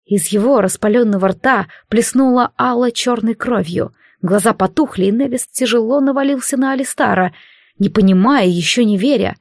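A woman narrating a fantasy audiobook in a measured, dramatic reading. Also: a little high, a little mellow, dry recording, clean studio sound.

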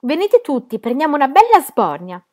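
A woman's voice: mid-range voice, lively intonation, moderate pace, lightly acted. A woman reading a novel aloud, voicing a quarrelsome drunk man who picks a fight in a diner. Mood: drunken. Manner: loud, blustering.

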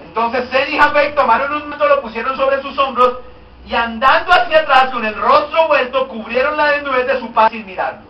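A man's voice: very high voice, a little fast, muffled recording, slight background noise. A man preaching a humorous sermon, joking and asking the congregation questions. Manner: jokey, animated, asks the congregation questions. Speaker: pastor. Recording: echoey hall, mic at a distance.

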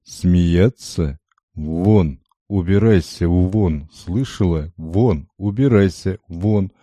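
A man reading aloud, voicing a rough, bearded poor father with a gruff, loud voice. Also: low voice, steady tone, takes it slowly, no echo, clean studio sound. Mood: raging.

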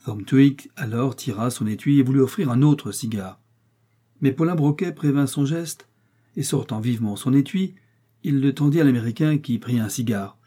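A man reading a novel aloud in a measured, descriptive narration. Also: medium pitch, warm tone, breathy edge. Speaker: audiobook narrator.

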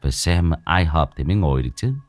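Deep-voiced man telling a ghost story. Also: fast, no room sound. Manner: expressive, dramatic reading.

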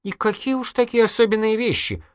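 A reader voicing a sharp-tongued, stubborn young woman in an audiobook, reproachful and needling, with a dry close sound. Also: on the high side, fairly even intonation, a little fast, dry recording, voice pushed up, close to an everyday voice. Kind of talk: audiobook character voice.

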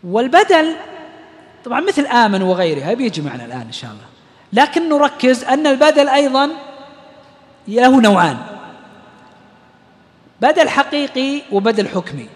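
A man's voice: very high voice, sing-song, brisk, long pauses, in a large hall. A man teaching a class on Quran recitation rules, explaining step by step and quizzing his students. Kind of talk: classroom lesson on tajweed.

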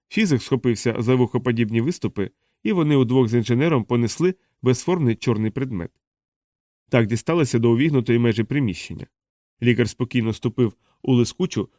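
A male audiobook narrator reads a novel in a measured, even way. His voice is warm and mellow at a middle pitch, and the recording is dry and close. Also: no room sound. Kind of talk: scripted narration.

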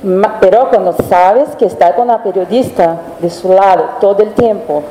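A journalist with a Brazilian Portuguese accent answers spontaneously on a panel, mixing Spanish and Portuguese and searching for words. Her mid-range voice is mellow and at normal speed, with a little hiss or hum, in an echoey hall with long reverb.

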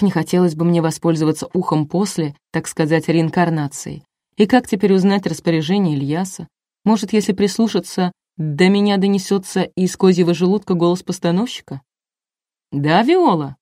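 Woman narrator, wry ironic audiobook reading, lowish voice, dry close sound. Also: brisk, dark tone, no room sound. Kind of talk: first-person audiobook narration.

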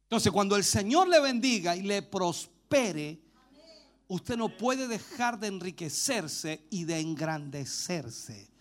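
A man's voice: high-pitched, big pitch swings, slow. A man preaching a sermon to his congregation, shifting between intense exhortation and playful banter with the crowd. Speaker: pastor.

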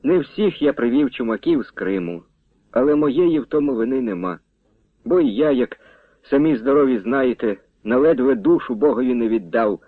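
A man's voice: mid-range voice, no echo, natural voice. Brief: male reader as dignified leader of a trading caravan, dry close radio read. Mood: solemn. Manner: dignified, measured. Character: solemn male caravan leader addressing his men. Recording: tinny dry radio recording.

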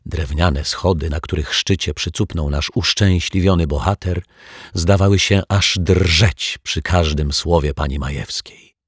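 A man narrating a children's audiobook in a playful storytelling manner, dropping to soft tones for suspense. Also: low voice, measured pace, husky, dry recording, studio quality.

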